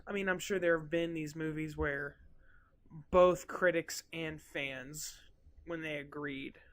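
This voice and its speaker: A man's voice: on the high side, fairly even intonation, slow, fairly bright tone. A young man co-hosting a podcast, chatting casually in a playful, easily amused way. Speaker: podcast co-host. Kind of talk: casual chat.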